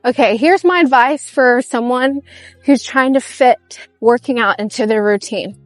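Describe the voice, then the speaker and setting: Young woman vlogging on her walk, high voice, chatty and giggly. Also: unhurried, soft background music. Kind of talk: casual vlog chat while walking. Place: outdoors on a walk.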